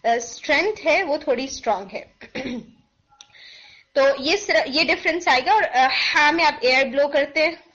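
A woman with a high, bright voice teaches pronunciation, drawing out each sound to demonstrate it. She has a sore throat and keeps clearing it. The recording is dull and lo-fi. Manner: demonstrates sounds by voicing them slowly; mixes English phrases into Hindi-Urdu. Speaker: teacher of Quranic recitation. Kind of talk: pronunciation lesson.

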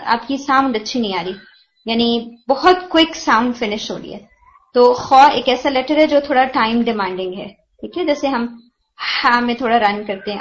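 A woman teacher giving patient, detailed feedback on Quran recitation, explaining pronunciation step by step. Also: fairly high pitch. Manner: patient, explanatory, mixes English terms. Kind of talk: tajweed feedback lesson. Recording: dull lo-fi audio with faint hiss.

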